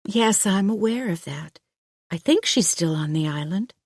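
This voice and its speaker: A woman's voice: mid-range voice, lively intonation, a little slow, a little mellow, husky, no room sound, clean studio sound, pitched above the performer's own voice. A woman reading a concerned, careful female doctor in an audiobook, polite and earnest.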